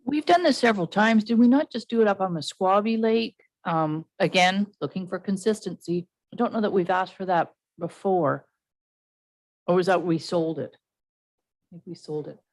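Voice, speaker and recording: A woman chairing a council meeting as mayor, brisk and informal, with filler words. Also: medium pitch, dry recording.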